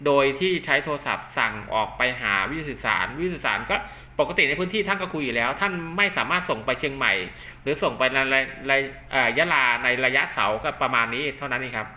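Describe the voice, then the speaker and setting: In a quick, pushed and bright mid-range voice with lively intonation, this man demonstrates his product informally and by hand. He makes radio link cables and tends to repeat his explanations, adding polite tags frequently. Background noise in the clip is clear.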